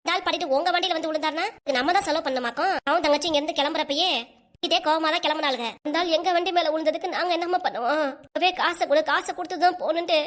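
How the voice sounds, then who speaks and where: A nagging older grandmother from a cartoon rattles off complaints at breakneck speed in a high voice with a southern Tamil Kanyakumari accent, voiced by a woman. She scolds and fusses without pause. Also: a bit bright. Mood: worried, arguing. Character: scolding, fussy older grandmother and mother-in-law. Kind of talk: cartoon voice acting.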